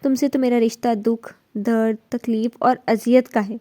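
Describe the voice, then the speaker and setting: A woman's voice: fairly high pitch, steady tone, mellow, no room sound, clean studio sound, natural voice. A woman voicing a heartbroken young wife in shock in a storybook reading, speaking in a dazed, pleading way.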